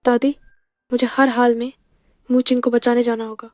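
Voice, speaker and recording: A woman's voice: on the high side, flat delivery, moderate pace, dry recording, studio quality, lightly acted. A woman dubbing a loyal young wife who is anxious to protect her husband. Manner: anxious, pleading. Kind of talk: Hindi dub of a drama.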